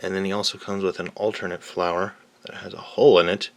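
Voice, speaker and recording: Low-voiced man chatting through a toy review. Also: quick pace. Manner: relaxed, chatty, many fillers. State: slightly out of breath. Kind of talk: casual product review. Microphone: camera mic on tripod.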